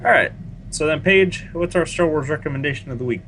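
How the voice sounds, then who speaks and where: A man hosting a casual gaming podcast, talking in an animated, complaining way and laughing easily. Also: on the high side, a little fast, a little hiss or hum, poor audio. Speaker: podcast host.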